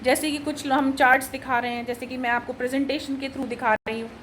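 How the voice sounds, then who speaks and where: A woman with an Indian accent giving a recorded lecture. She explains points slowly and switches between Hindi and English, often checking with "right?". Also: sits high, little pitch movement, a bit bright, a little hiss or hum, low-quality recording.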